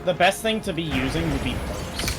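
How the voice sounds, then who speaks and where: A man with a somewhat high voice jokes and giggles through a co-op game with friends. Game music plays clearly in the background. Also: very animated, a little fast. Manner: playful, joking and giggling. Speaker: co-op player. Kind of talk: casual gaming chat.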